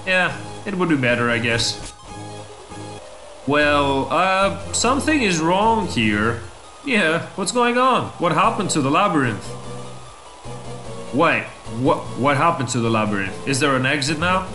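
Man, fairly high voice, let's play host, excitable running commentary, game music loud underneath. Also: poor audio. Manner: excitable, thinks aloud, reacts with surprise. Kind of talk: casual gameplay commentary.

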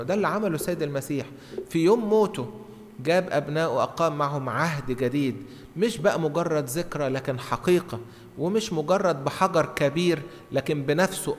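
An Egyptian priest gives a fast-paced Bible talk in a slightly high voice, with an Egyptian Arabic accent, from a lectern in a large church. His explanatory sermon is conversational, with acted-out dialogue and short phrases repeated for emphasis, recorded through a gooseneck lectern mic with big, echoey church reverb.

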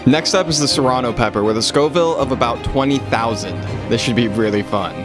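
A man's voice: medium pitch, a little fast. A young man giving a casual voice-over narration for a vlog. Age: young adult. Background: music.

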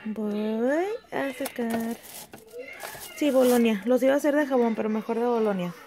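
A woman's voice: on the high side, normal speed. A young woman, chatting casually to her viewers in a home kitchen vlog. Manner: chatty, talks to viewers as friends. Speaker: vlogger.

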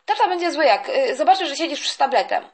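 A worn-out toy-story mom, exasperated and pleading, as a woman plays her. Her voice is high and a touch weary. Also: expressive, fast. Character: tired mother sending kids to bed.

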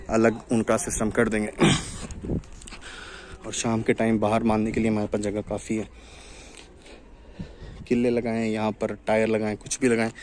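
A young man from Pakistan walking viewers through his farm construction site in a casual vlog, filmed outdoors on a phone. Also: lowish voice. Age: young adult. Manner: explanatory, steady talk to viewers. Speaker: cattle farm vlogger. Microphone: phone camera, selfie framing. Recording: outdoor noise from tractors and wind.

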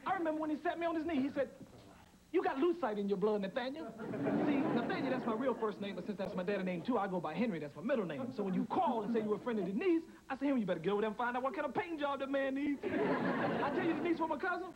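An actor playing a chatty, cagey house painter who rambles in a folksy way in a sitcom. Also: male voice, very high voice, lively intonation, fast, over a noisy crowd, very noisy. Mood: rambling. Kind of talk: sitcom acting.

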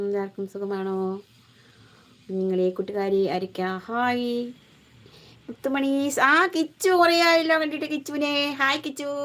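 Woman streamer from Kerala, warm-hearted chatter, friendly and informal with her viewers. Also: on the high side. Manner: chatty, affectionate, greets viewers by name. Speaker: YouTube live streamer. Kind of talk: casual live-stream chat with viewers.

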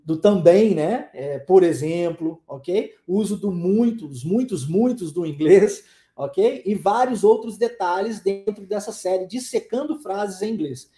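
A male English teacher leads an online class with a mellow tone and a lively, swinging intonation. He explains emphatically and keeps tagging short check-ins onto his sentences. The sound carries a roomy echo. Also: high-pitched.

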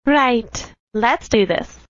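A woman's voice: on the high side, drawn-out words, dull audio, slight background noise. A woman voicing a scheming schoolgirl plotting a prank. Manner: scheming, excited. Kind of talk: cartoon voice acting.

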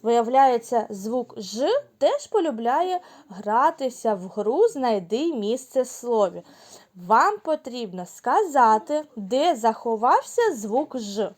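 Slow, sing-song woman teaching small children. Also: fairly high pitch, sing-song. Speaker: kindergarten teacher. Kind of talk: phonics lesson for small children.

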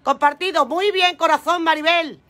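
A high, bright-voiced older woman chats through a phone live stream at home. She greets her viewers by name with affectionate pet names and sounds flustered by the app. Her voice is lively and clear. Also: moderate pace. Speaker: online seller doing a live stream.

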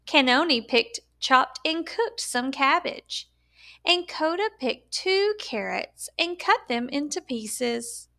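A storyteller with a high, animated voice reads a picture book aloud, her tone pushed and bright. Her intonation swings widely and expressively, and she moves slowly and deliberately, stressing words for young listeners.

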